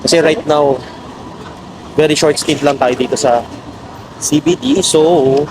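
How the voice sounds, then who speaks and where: In an unhurried, slightly high voice with big swings in pitch, a travel vlogger from the Philippines chats casually to viewers he calls "guys," moving between Tagalog and English. He's walking outdoors through a city at night, and the recording is noisy with street and traffic noise.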